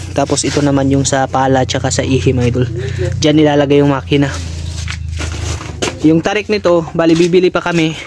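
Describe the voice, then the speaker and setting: A man's voice: fairly high pitch, darkish tone, poor audio. A man casually vlogging outdoors beside a boat under construction, chatting to his viewers and calling them idol again and again. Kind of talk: casual vlog walkthrough. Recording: outdoor recording with clear background noise.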